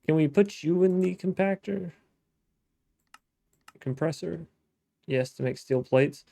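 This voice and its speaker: Here the same style of casual gameplay commentary comes from a man whose gravelly, mellow voice sits fairly high and moves slowly. He chats through a modded building game, thinking out loud, talking to himself, and restarting often. The sound is dry and near the mic.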